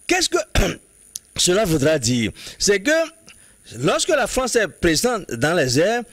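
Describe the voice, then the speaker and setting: A man comments in a studio political debate, arguing emphatically and insistently and often restarting words as he builds his case, so he sounds halting. His voice sits high with huge pitch swings, a bit bright, and there's no echo.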